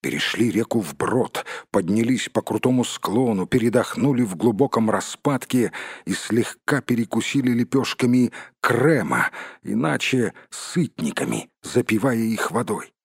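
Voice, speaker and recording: Husky-voiced male narrator, dry and close, steady storybook reading. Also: lowish voice, unhurried, dry recording. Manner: steady storytelling, addresses listener. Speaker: audiobook narrator. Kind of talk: scripted narration.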